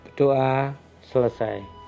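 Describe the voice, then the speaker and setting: A man teaching a class, calmly explaining English greetings and introductions and slowing down for the example phrases. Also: mid-range voice, creaky. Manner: calm and explanatory, switching into slow, lifted voice for English example phrases. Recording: lo-fi recording with faint music.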